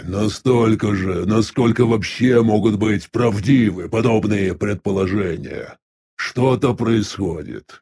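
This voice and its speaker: A man reads as a tired old elder of a mystic sect, husky and slow. His voice sits low and dark, every sentence weighed out with resigned calm in a measured audiobook delivery. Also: exaggerated voice. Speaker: audiobook voice actor. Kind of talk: audiobook dialogue reading.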